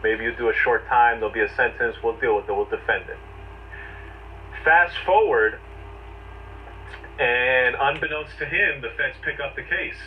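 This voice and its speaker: A male legal commentator with a mid-range voice walks through a legal topic step by step, using short, emphatic phrases in a conversational tone. He talks at a moderate pace and pauses often. The replayed audio is distant, dull and noisy.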